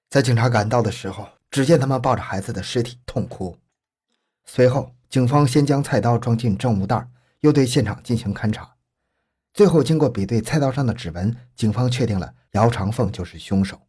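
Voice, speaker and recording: Delivering a true-crime tale from a script, a man keeps a dark, grave, measured tone. He speaks at a typical middle pitch, his voice husky with a slight roughness.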